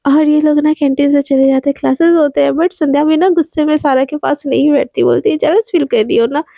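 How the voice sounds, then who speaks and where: A woman's voice: sits high, steady tone, brisk, gravelly, dark tone, no echo, clean studio sound. A young woman telling a romance story in a casual, chatty way, full of fillers and asides.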